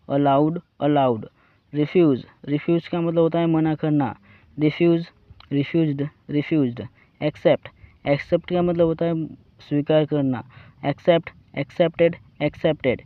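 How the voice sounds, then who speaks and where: Man, Indian accent, English teacher, slow repetitive drilling, slightly high voice, dry close sound. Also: smooth, dry recording, narrow, tinny audio. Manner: slow drilling recitation, addresses viewers as friends. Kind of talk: vocabulary lesson, reciting verb forms.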